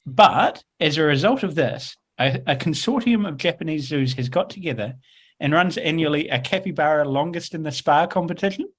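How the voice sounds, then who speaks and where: A man with a slightly raised voice, sharing an odd fact on a comedy panel. He speaks in a relaxed, halting way, pausing on ums as he goes. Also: on the high side, husky. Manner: laid-back, hesitant with ums. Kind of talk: casual comedic fact-telling.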